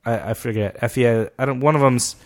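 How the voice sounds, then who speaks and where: A man co-hosting a podcast in casual chat, rambling with lots of fillers and halting restarts. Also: mid-range voice. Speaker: podcast co-host.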